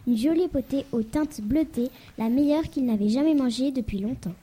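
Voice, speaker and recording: A woman reads a children's tale aloud with a careful, steady delivery. Her voice is husky and very dark in tone, sitting a little high. It sounds like a read-aloud for a class radio show. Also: moderate pace. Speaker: school pupil reading a story on a class radio show.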